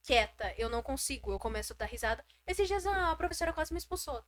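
A teenage girl co-hosting a podcast, telling stories in an animated, swearing casual chat. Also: sits high, fast talker, slight background noise. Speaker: podcast co-host.

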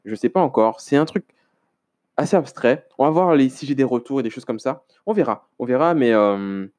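A man's voice: medium pitch, expressive, normal speed, darkish tone. A man hosting a casual solo podcast, rambling and hesitant with many restarts and self-mocking asides. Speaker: podcast host.

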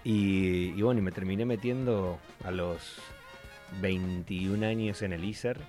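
A man with an Argentine accent, a voice actor telling lively anecdotes in a radio interview. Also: low-pitched, a little slow, soft background music. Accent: Argentine Spanish. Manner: animated storyteller, acts out voices in anecdotes. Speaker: voice actor guest.

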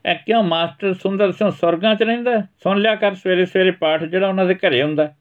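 A man's voice: sits high, fast, far from the mic, phone-quality sound, voice pushed up, close to an everyday voice. A man voicing a village mother who nags and scolds sarcastically in a storybook reading. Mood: scolding. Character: sharp-tongued village mother.

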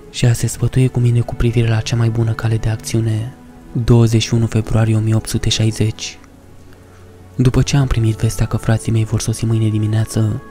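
A man narrating a first-person horror story in a measured, somber way. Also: on the low side, mellow.

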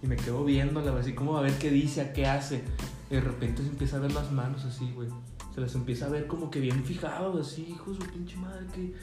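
A man's voice: mid-range voice, fairly even intonation, fast talker. A young man with a Mexican accent, telling a story casually, with lots of slang and laughter. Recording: echoey room, faint music.

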